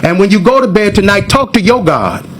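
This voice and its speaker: Speaking into a hearing microphone before a government committee, a forty-year-old American man testifies with emphatic, confrontational oratory. His high-pitched voice is expressive and a little fast, with a slight hiss or hum in the recording.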